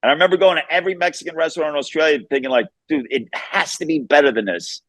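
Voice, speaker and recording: A man speaks with a Brooklyn, New York accent in a casual interview. His delivery is brisk and informal, with street-casual phrasing. The sound is dry, with very little room on it. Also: fairly high pitch, fairly bright tone, dry recording. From Long Island, New York. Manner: informal, peppered with "man" and "you know". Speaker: fast-food founder, interview guest.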